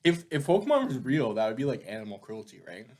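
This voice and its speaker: A man's voice: mid-range voice, big pitch swings, a little mellow. A man co-hosting a casual podcast chat, rambling with lots of fillers and firing off questions. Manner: rambling, filler-heavy, giggly; rapid-fire questioning. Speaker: podcast co-host.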